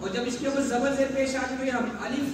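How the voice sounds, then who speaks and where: A male teacher with a Pakistani Urdu accent, spelling out letters, chanting verses slowly and quizzing pupils by name in a classroom lesson. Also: very high-pitched, flat delivery. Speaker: Quran recitation teacher. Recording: echoey distant room with noise.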